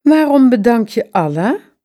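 A woman's voice: a little high, very animated, warm tone, no echo, studio quality, voice pushed up. A woman voicing an angry scolding storybook wife. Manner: slow, emphatic storybook voicing.

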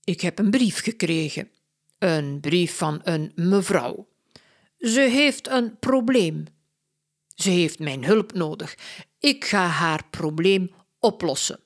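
A woman playing a polite, slow-spoken detective. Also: lowish voice, expressive, full character voice. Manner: slow, measured, courteous. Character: polite older male detective, calm and deliberate.

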